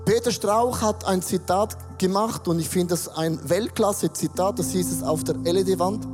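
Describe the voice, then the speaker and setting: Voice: medium pitch, normal speed, in a large hall, over music. A pastor preaching a sermon on a church stage, earnestly acting out prayers and dialogue.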